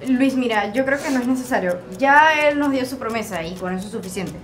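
A woman's voice: fairly high pitch, brisk, close to an everyday voice. A young woman acting a trusting, upbeat shop clerk in a scripted web drama. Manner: reassuring, upbeat. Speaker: store employee.

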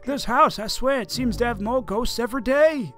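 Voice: medium pitch, moderate pace, a bit bright, pitched above the performer's own voice, close to an everyday voice. A gamer voicing an eccentric old male ghost-hunting professor with theatrical old-timer phrasing while reading game dialogue. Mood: fussy. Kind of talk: let's-play voice acting.

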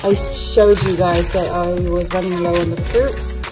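A woman in her thirties from New Zealand talks through her weekly groceries in a loose, chatty way. She stops often for ums and small restarts. The sound is a phone held at arm's length, with clear music playing underneath. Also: fairly low pitch, fairly even intonation, measured pace. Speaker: family vlogger. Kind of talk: casual grocery haul narration.

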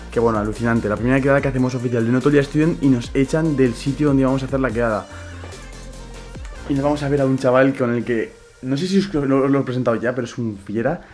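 A young man from Spain, talking to his viewers in a casual, energetic vlog with plenty of slang, wearing a clip-on mic in a big gym. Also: mid-range voice. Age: young adult. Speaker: vlogger. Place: large indoor gym. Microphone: small clip-on lapel mic.

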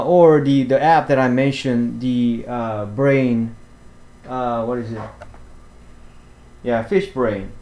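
A man walking through fishing apps over a screen recording, talking haltingly with many fillers and restarts. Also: mid-range voice, darkish tone. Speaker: fishing vlogger. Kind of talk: screen-share app walkthrough.

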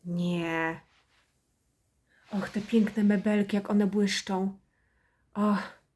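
A woman playing a self-pitying, house-proud, harsh middle-aged mother in a satirical character monologue, nagging and turning shrill when she scolds. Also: steady tone, drawn-out words, darkish tone.

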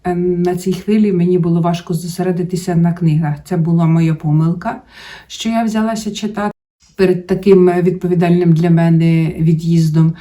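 A woman's voice: on the low side, little pitch movement, fairly quick, warm tone, distant mic. A woman hosting a book channel, chatting casually about her reading, rambling with many fillers and restarts. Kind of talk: casual book-review chat to camera.

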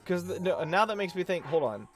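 Lively man thinking aloud over gameplay. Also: high voice, brisk, soft background music. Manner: self-questioning, thinking aloud with many restarts. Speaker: let's play host. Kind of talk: casual gameplay commentary.

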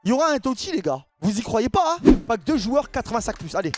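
Excitable high-voiced French man. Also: fast, soft background music. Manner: excitable, shouts at big pulls, repeats "les gars". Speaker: gaming streamer. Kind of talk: pack opening commentary.

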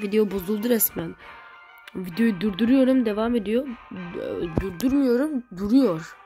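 An excitable woman talks viewers through a mobile game match from home. Her commentary is casual and chatty, and she reacts loudly to every twist. Game music plays clearly behind her the whole time. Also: mid-range voice. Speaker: gaming channel host.

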